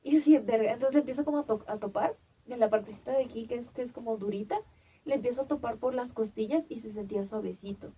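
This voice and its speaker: A young woman, hosting a podcast and telling a personal story in casual chat, acting out her own cries and shouts as she goes. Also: fairly high pitch, fast talker, slight background noise. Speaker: podcast host.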